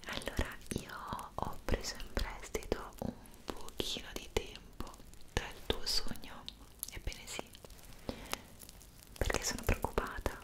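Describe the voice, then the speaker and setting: A young woman voicing a kind, motherly Mrs Claus in an ASMR roleplay, whispering up close and coaxing with gentle questions. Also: a little slow, lightly acted. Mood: caring. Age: young adult. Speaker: ASMR creator. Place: indoor room decorated for Christmas.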